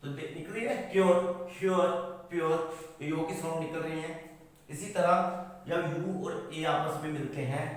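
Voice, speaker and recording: A man gives an English pronunciation lesson, speaking slowly and repeating each sample word again and again. His voice sits fairly high. The sound is very echoey, and he is some way off from the mic. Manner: slow, repeats each example word several times. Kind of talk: classroom-style lesson. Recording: echoey room, voice from far off mic.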